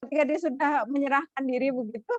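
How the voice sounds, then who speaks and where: A woman's voice: high voice, fast, no room sound, lo-fi sound. A woman casually retelling a religious story, chatty, with many fillers and frequent laughs.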